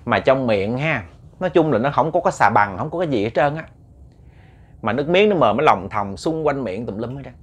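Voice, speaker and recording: A man's voice: mid-range voice, expressive, brisk, slightly rough. A man telling a ghost story, chatting to listeners and often repeating words. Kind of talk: storytelling to an audience.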